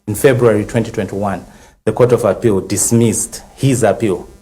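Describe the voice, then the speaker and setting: Deep-voiced Zambian lawyer laying out dates. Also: male voice, steady tone, normal speed, warm tone, soft background music. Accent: Zambian English. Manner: methodical, recounts a timeline with frequent uh fillers. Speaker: legal counsel for a conservation group. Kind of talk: studio TV panel discussion.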